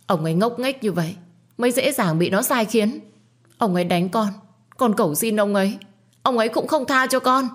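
A woman voicing a spiteful, bratty young woman in a storybook reading, with a shrill, taunting, whiny delivery. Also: normal speed, lightly acted. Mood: whining.

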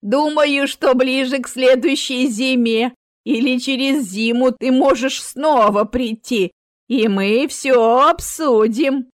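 Feisty old lady, slow and drawn-out, clipped and dry, a woman putting her on, high voice. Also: no room sound. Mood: dismissive. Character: feisty old woman, stubborn and sharp-tongued.

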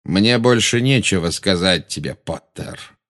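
A man voicing a cold, sinister male dark lord who speaks slowly and with quiet, silky menace, in an audiobook reading. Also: medium pitch, animated, voice pushed up. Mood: menacing.

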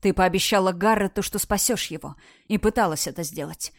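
A woman's voice: mid-range voice, brisk, dry recording, clean studio sound, lightly acted. A woman voicing a badly wounded young man who speaks firmly and tenderly, in an audiobook reading. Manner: firm, pleading.

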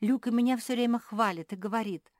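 A woman voicing a proud, touchy young female labrador in a storybook, speaking loudly in a high voice. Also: fairly quick, no room sound, studio quality, lightly acted. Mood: indignant. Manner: indignant, loud and high.

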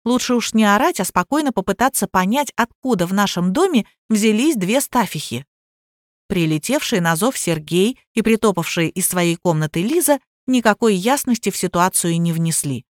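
Woman reading an audiobook, wry and quick, dead dry sound. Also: mid-range voice, lively intonation, no echo. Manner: brisk, ironic storytelling. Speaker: audiobook narrator. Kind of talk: scripted first-person narration.

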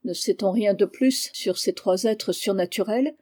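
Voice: medium pitch, a little slow, a little mellow, dry recording, natural voice. A reader of an audiobook voicing a curious young viscountess asking eager questions.

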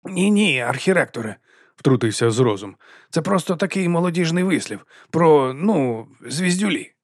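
A man's voice: a little high, expressive, normal speed, dry recording, clean studio sound, pitched above the performer's own voice. A man voicing a tired young male wizard who explains patiently. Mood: explaining.

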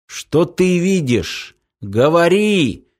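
A man's voice: fairly high pitch, sing-song, extremely slow, darkish tone, voice pushed up, full character voice. A man voicing a harsh male traitor interrogating a captive in an audiobook, barking orders. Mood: commanding. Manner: barking, commanding.

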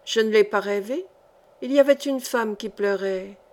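A tender young man speaks softly and shyly, as a woman reader voices him. His lines keep a gentle warmth throughout. This is a classic novel read aloud. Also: medium pitch, normal speed, close to an everyday voice. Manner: soft, tender. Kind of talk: audiobook character reading.

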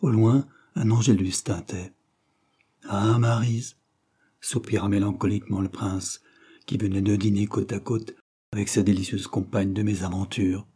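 A man narrating a romance novel as an audiobook in a measured, unhurried way. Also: on the low side, steady tone, warm tone, husky.

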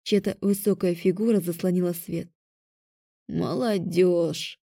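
Woman reading an audiobook, calm and even, mellow voice, dry close sound. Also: medium pitch, normal speed, no echo. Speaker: audiobook narrator. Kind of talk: scripted first-person audiobook narration.

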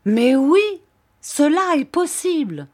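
A woman voicing an excitable young male English inventor who talks in an exalted, feverish rush. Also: on the low side, slow pace, dry recording, clean studio sound. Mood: excited.

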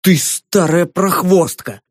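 A pot-bellied, grumbling gatekeeper who shouts in raised, indignant bursts, as a male reader puts him on. His blustering comes through a dry, close audiobook recording. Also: high-pitched, slow, no echo, pitched above the performer's own voice. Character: fat, grumpy, quick-tempered male gatekeeper.

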